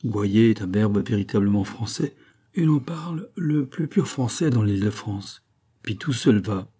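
A man reading a classic novel aloud in a measured, expressive storytelling manner. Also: fairly low pitch, slightly rough. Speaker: audiobook narrator. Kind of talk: literary audiobook narration.

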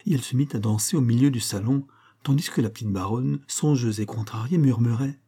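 A man reading a classic short story in a measured, unhurried narration. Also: mid-range voice, warm tone, breathy edge. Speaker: reader.

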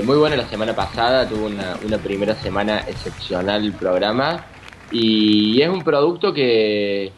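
A man with an Argentine, Rioplatense Spanish accent and a voice on the low side co-hosts a casual chat about a TV show. He's enthusiastic and repeats words as he thinks.

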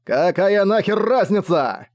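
A man's voice: on the high side, expressive, moderate pace, a little mellow, voice pushed up, lightly acted. Man voicing a greedy dragon mage, arrogant, roaring, audiobook. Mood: contemptuous. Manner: roaring, contemptuous.

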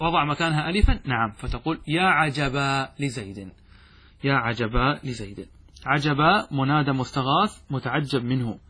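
Male grammar teacher, husky voice, slightly high, asks and answers his own questions, drawn-out examples. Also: fairly bright tone. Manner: slows and stretches example phrases. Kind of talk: classical text lesson with explanation.

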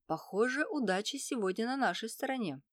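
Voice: mid-range voice, lively intonation, a little fast, a bit bright, no echo, voice pushed up. A hulking brute of a forest creature, crude and scornful, taunting as he looms, voiced by the audiobook reader. The sound is dry and close, with no room around it. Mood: leering. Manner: mocking, crude. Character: big brutish male forest creature, leering. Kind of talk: audiobook reading.

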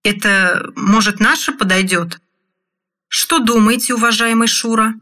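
A woman voicing a commanding male convict leader who speaks in a brisk, businesslike way in an audiobook. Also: a little high, steady tone, sharp tone.

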